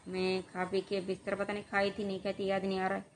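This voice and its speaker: A woman vlogger telling a personal story in a halting, hesitant way, full of pauses and fillers. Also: mid-range voice, monotone, slight background noise.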